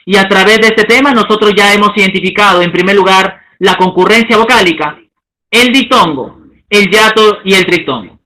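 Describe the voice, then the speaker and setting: A man teaching a lesson, stretching out example words slowly and checking in with the class. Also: high-pitched, bright, forceful tone, rough recording. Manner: slow, drawn-out spelling of example words; checks in with listeners, asking okay.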